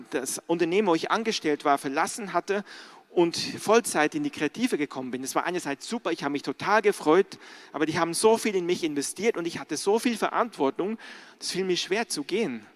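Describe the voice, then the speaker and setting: A man's voice: a little high, expressive, a little fast. A middle-aged man preaching a sermon as pastor, earnestly putting direct questions to the congregation.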